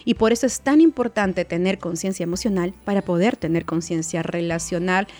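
A woman's voice: lowish voice, fairly quick, darkish tone. Coaching woman psychologist, faint music. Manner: coaching, repeats words, asks listeners for agreement. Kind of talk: advice talk to viewers.

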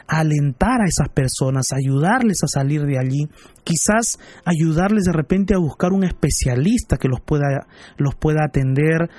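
A man speaking as a pastor, gently and earnestly telling a story and addressing listeners. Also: on the high side, no echo. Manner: earnest, gentle, retells dialogue. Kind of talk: radio-style pastoral talk.

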